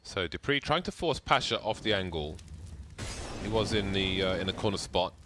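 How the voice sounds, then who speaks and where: A man's voice: low-pitched, animated, moderate pace, noisy background. A man doing play-by-play commentary on a competitive shooter match, chatty and prone to light banter. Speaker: play-by-play caster. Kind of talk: esports commentary. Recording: loud game sounds behind.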